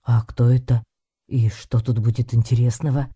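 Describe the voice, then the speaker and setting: A man doing a tomcat guide, patient, slow, unhurried, dark-toned, dry, storybook. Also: medium pitch, flat delivery, husky, dry recording. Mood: puzzled. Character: streetwise male tomcat, calm and patient guide.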